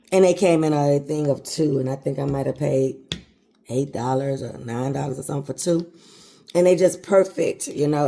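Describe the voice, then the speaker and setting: Calling her audience honey and baby, a woman talks her way through a relaxed home cooking tutorial in a folksy style. Her voice sits low, warm in tone but hoarse.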